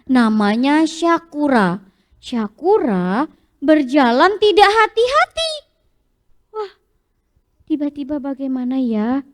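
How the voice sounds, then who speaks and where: Animated high-voiced woman telling kids a story. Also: slow, long pauses, no echo, clean studio sound. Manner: animated, questioning the children often. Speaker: children's storyteller. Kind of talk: interactive storytelling for young children.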